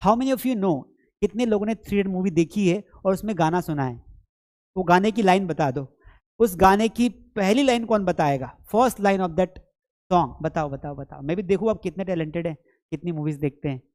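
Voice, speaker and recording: Running a live online English lesson, a spoken English teacher with an Indian accent, a Hindi speaker, chats and teases his students, addressing them as "beta" while he lectures playfully. His voice is high and somewhat dark in tone, moving at a moderate pace, and it's strained from an hour of talking.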